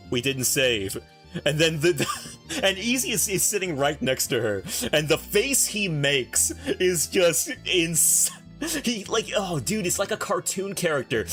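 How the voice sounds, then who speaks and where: Young guy streaming, chatty and excitable, laughs a lot, faint game music behind. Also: medium pitch. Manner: chatty and excitable, laughs often, many restarts. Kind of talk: casual stream chat while gaming.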